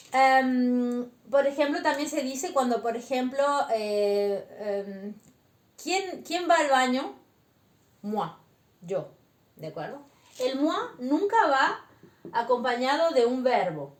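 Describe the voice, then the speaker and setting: A woman teaching beginner French, explaining slowly and patiently and often checking that her students follow. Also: high voice, lively intonation, echoey room. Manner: slow, patient explaining with frequent check-ins. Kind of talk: beginner language lesson.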